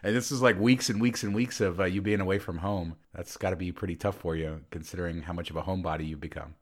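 A man's voice: low voice, fairly even intonation, fast talker. A man hosting a podcast in a casual, conversational style. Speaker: podcast host.

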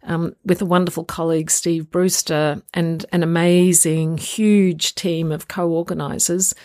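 A woman hosting a solo podcast in an informal, reflective and earnest way, her voice croaky from getting over the flu. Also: fairly low pitch, little pitch movement, a little slow, warm tone, no echo, clean studio sound. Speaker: podcast host.

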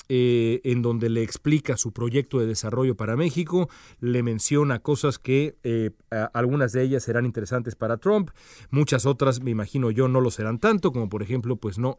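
A man's voice: mid-range voice, dry recording, studio quality. Hesitant man giving political commentary. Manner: measured, with frequent hesitant fillers. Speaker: political commentator and show host.

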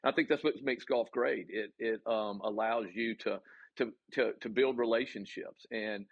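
A man with a Southern US accent, a college golf coach answering interview questions in an earnest, halting way with many ums and restarts. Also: lowish voice, steady tone, no echo, highs cut off.

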